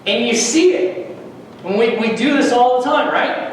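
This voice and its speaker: Male pastor, high-pitched, emphatic sermon delivery; very echoey hall, recorded from afar. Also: a little slow, slight background noise. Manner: animated, rising to emphatic peaks, rhetorical questions. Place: church hall. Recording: echoey church hall, far from mic.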